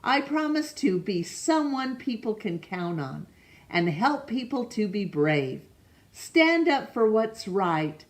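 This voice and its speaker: This woman's mid-range voice is very animated as she reads a picture book to children at storytime. She reads slowly and gently, asking the listener questions, and every so often stumbles on a name and goes over it again.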